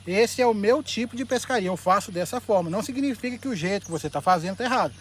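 A man with a Brazilian accent doing excited live fishing commentary outdoors at a pond, talking straight to his viewers and repeating his catchphrases. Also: high-pitched, fast, a little hiss or hum. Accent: Brazilian Portuguese. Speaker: fishing vlogger.

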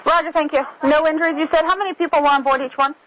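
A woman's voice: sits high, steady tone, very fast, fairly bright tone, low-quality recording. A woman working as a ground controller, speaking over air traffic radio. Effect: aviation radio.

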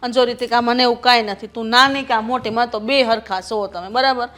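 An actress playing a mother-in-law who scolds and tries to calm her two quarrelling daughters-in-law. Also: on the high side, brisk, natural voice. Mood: exasperated. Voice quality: scolding, exasperated. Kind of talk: village family drama acting.

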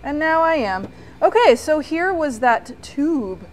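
A woman hosting a hands-on workshop tutorial, walking through each step slowly with frequent "um" pauses. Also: high voice, sing-song, background noise. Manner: explains step by step with many "um" pauses. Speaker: vlog host.

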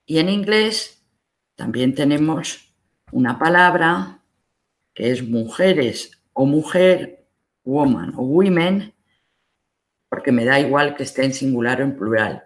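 A library instructor with a Spain accent leads a recorded online lesson. The delivery is slow and unhurried. Each step of the screen demonstration is explained patiently. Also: mid-range voice.

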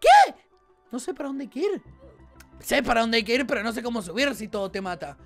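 A young man with a Rioplatense Spanish accent giving excitable let's-play commentary, yelping and shouting at the game. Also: extremely high pitch, fast talker, gravelly, faint music behind. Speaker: gaming video host.

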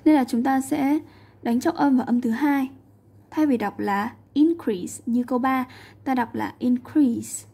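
A woman's voice: high-pitched, steady tone, normal speed, gravelly, a little mellow, breathy edge. A woman English teacher patiently explaining a textbook lesson, repeating and translating each sentence.

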